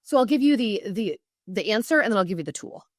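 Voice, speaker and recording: An American woman from Oregon appears as a podcast guest, giving business advice in a conversational interview with an informal coaching feel, full of emphatic asides and self-interruptions. Her voice is medium-pitched with lively intonation and a fast pace, recorded dry at studio quality.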